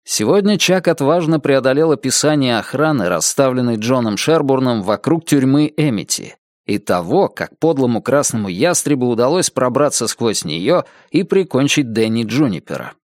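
Man narrating an audiobook, lively. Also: medium pitch, normal speed, no echo, clean studio sound.

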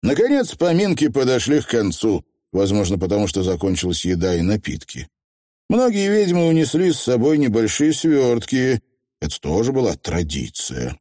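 A man narrating a storybook in a lively, expressive way. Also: mid-range voice, moderate pace, dry recording, studio quality. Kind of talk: audiobook narration.

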